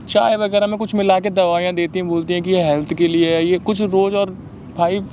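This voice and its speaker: An upset young man with a fairly high voice speaks emotionally and raises his voice in protest. He is outdoors on a city street, with faint traffic noise behind him. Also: fairly even intonation, brisk, a little mellow. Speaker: guest telling his story. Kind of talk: staged street confrontation.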